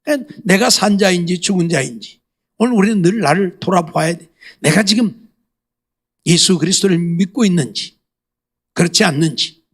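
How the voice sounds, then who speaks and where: A man's voice: high voice, animated, moderate pace, long pauses, husky. A middle-aged male pastor preaching a sermon, emphatic and scolding, firing off rhetorical questions to the congregation.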